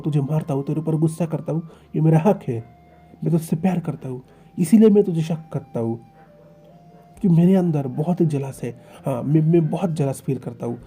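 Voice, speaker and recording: A man's voice: fairly high pitch, dark tone, slightly rough. Lan Zhan, a man voicing a possessive jealous young lover. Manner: stammering, pleading and reproachful.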